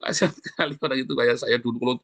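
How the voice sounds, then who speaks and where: A man's voice: mid-range voice, fairly even intonation, creaky, husky, no echo. A male pastor giving a sermon in a conversational way, often addressing the congregation directly. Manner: sings short worship lines softly and slowly.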